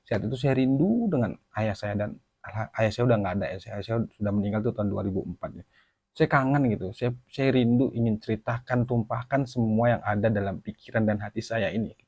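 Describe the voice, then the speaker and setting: A man speaks to his viewers in a low, husky voice, recounting hard times in an emotional, faltering way. His words come haltingly, with restarts, and the sound is close and dry. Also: warm tone, dry recording. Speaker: channel host. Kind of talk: personal testimony to viewers.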